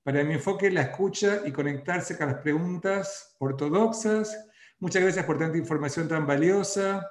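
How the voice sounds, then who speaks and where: A man's voice: on the high side, moderate pace, roomy sound. A man hosting an online webinar on a video call, reading out feedback and then explaining a point. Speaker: webinar host.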